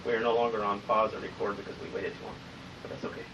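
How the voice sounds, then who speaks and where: A man's voice: lowish voice, fairly even intonation, racing. A man running the camera and directing a homemade skit, counting down takes and joking about his own slip-ups. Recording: distant, dull home camcorder audio with noticeable hiss.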